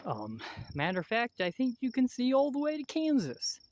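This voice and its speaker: A young man giving a rambling, halting tour of a mountain hike outdoors, out of breath and filling pauses with many ums, talking into a handheld phone. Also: very high voice, wildly swooping pitch, a little mellow, a little hiss or hum. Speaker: vlogger giving a hiking tour. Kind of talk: casual hiking vlog.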